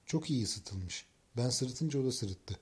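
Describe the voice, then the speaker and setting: Mellow male audiobook narrator. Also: medium pitch, expressive, slow. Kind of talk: scripted first-person narration.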